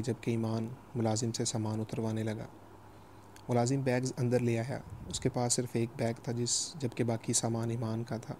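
A man reading a novel aloud as a steady, even audiobook narrator. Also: medium pitch, a little hiss or hum.

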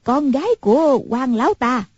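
A woman's voice: sits high, moderate pace, a little mellow, husky, dry recording. A woman voicing a bitter, eerie older recluse who speaks harshly and grimly. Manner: harsh and grim. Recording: muffled lo-fi recording.

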